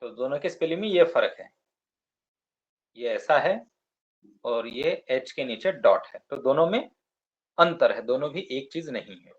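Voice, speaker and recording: A man teaching Sanskrit to children in a classroom, patiently spelling out words and sounds slowly. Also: medium pitch, lively intonation, dull audio. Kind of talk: classroom explanation.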